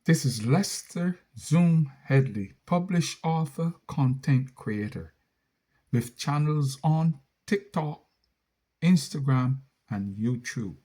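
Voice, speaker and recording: A middle-aged content creator with a Barbadian accent casually answers viewer questions in a rambling, self-correcting monologue. His mid-range voice is expressive, slow, and warm, with a breathy edge.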